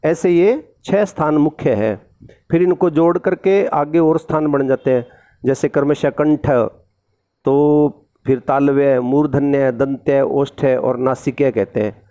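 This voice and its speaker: Mellow-voiced Hindi teacher explaining grammar. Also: male voice, on the high side, steady tone, a little slow. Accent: Rajasthani Hindi. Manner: reads a textbook line, then explains it in plain everyday words. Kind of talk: recorded grammar lesson.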